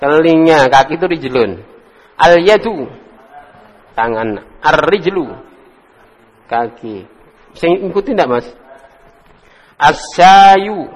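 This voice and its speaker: A man leads a classroom lesson, his voice sitting a little high. He quizzes students, sounds out words slowly and corrects them with light teasing. The recording rings with the long echo of a hall. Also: animated. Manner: drills pronunciation slowly, corrects and teases students. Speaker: Arabic teacher.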